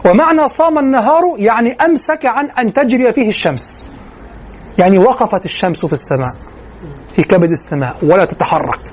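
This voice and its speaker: A man teaching a lesson on classical poetry, explaining verses line by line and reciting them slowly. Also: high-pitched, animated. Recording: dull lo-fi recording with faint noise.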